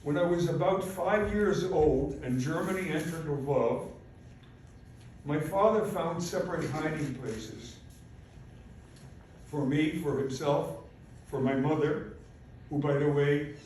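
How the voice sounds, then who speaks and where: Heard from a distance in a very echoey hall with faint noise, a Polish man in his eighties speaks slowly in a fairly high, slightly mellow voice. A native Polish speaker and Holocaust survivor, he is an invited guest giving formal, prepared personal testimony at a public event.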